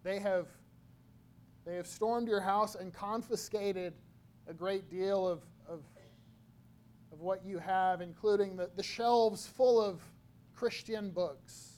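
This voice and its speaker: A man preaching a sermon, slow and halting, often repeating his words as he goes. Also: high-pitched, steady tone, a little mellow. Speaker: pastor.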